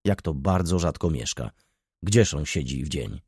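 A man voicing a stern middle-aged judge in an audiobook, asking measured questions. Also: rumbling low, expressive, darkish tone, slightly rough, no echo, studio quality, heavily acted. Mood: questioning. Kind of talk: audiobook reading.

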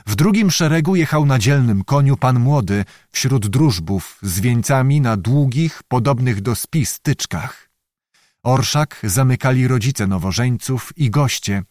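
A man narrating a historical novel as an audiobook, with expressive storytelling, in a dry, close recording. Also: medium pitch, dry recording.

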